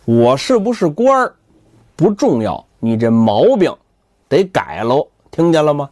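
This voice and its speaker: A male storyteller voicing a calm, stern older official who speaks slowly and quietly threatens. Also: fairly high pitch, no echo, clean studio sound. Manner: slow, measured, quietly threatening.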